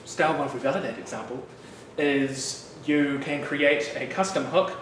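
Talking a little slowly, a New Zealand man with a mid-range voice gives a relaxed, conversational technical talk at a developer meetup, often adding fillers and asides. The setting is a bright, loft-style office with listeners present. He's positioned away from the room mic, so the audio is echoey and distant, with background noise.

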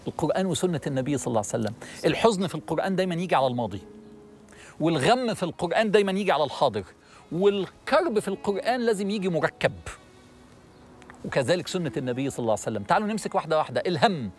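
A middle-aged man with an Egyptian accent giving a religious lesson to a studio audience, animated and asking questions. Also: fairly high pitch, rapid-fire, faint music behind. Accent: Egyptian Arabic. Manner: animated, asks the audience questions, acts out worried people. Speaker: religious TV host and lecturer.

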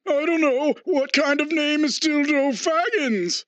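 A man's voice: very high-pitched, unhurried, dry recording, dull audio. A man voicing a brash, demanding old wizard who declaims indignantly in a cartoon parody. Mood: chatty.

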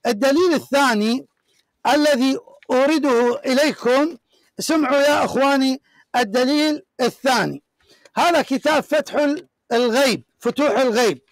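High-voiced emphatic man. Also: moderate pace, no room sound. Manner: emphatic, repetitive, declaiming. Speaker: show host debating a caller. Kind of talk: heated religious debate, reading from books on screen.

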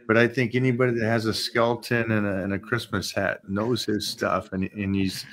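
A man's voice: fairly low pitch, little pitch movement, a little fast, fairly bright tone. A man co-hosting a live question-and-answer show, teasing and motivational, talking into a desk mic in a studio. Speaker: co-host. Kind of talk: live Q&A chat. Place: studio set with backdrop. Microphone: desk microphone.

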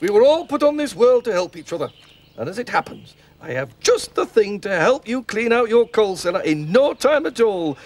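A man's voice: high-pitched, sing-song, moderate pace, a little mellow. A man playing a chirpy, self-satisfied children's show character.

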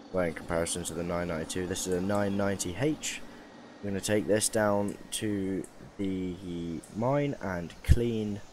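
A man's voice: lowish voice, a little mellow, a little hiss or hum. A young man giving casual, rambling commentary over a mining game, tired and joking at his own expense. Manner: rambling, self-mocking, chatty. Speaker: gaming YouTuber.

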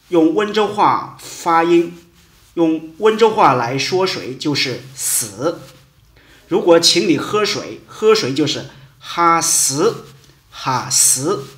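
Guy teaching memory tricks, slow chanty delivery, kinda high voice, echoey room. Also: fairly bright tone. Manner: slow, deliberate, chanting verses. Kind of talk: educational lesson with mnemonic rhymes.

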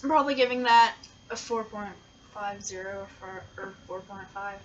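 A woman's voice: medium pitch, moderate pace, recorded from a distance, highs cut off. A woman co-hosting a casual taste test, chatting in a playful, giggly way. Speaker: food vlogger co-host.

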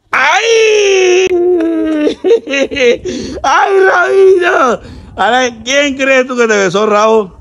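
A man with a Colombian Caribbean accent hosting a comedy prank game, teasing and laughing with shrill exclamations. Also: a bit bright.

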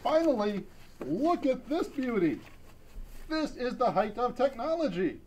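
A man playing a male photo-robot presenting used camera gear in a comic store announcement, with stiff sales-pitch patter. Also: sing-song, unhurried, a little mellow, slight background noise, heavily acted, low-quality recording. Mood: salesy.

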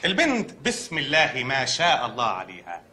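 An actor playing a calm, solemn doctor delivering absurd news in a comedy. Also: male voice, mid-range voice, fairly quick, full character voice. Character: deadpan hospital doctor, middle-aged man. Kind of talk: comedic film acting.

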